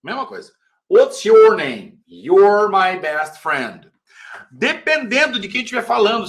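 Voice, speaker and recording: Man, Brazilian Portuguese accent, English teacher, live-stream Q&A, fairly high voice, chatty, slow careful example phrases. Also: sharp tone. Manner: casual, chatty, reads viewer questions aloud.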